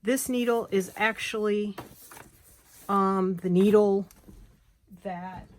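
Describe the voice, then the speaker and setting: This is a bookbinding crafter's relaxed tutorial, where she talks to herself while working, chats, and slips in apologetic comments. Her medium-pitched voice is slow and fairly even in intonation, captured by a phone camera close at hand.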